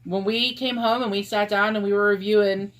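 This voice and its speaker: A woman's voice: medium pitch, fairly even intonation, fairly quick. Chatty woman paranormal investigator. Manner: chatty, laughs often, fillers like "um" and "like". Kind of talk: casual live-stream chat.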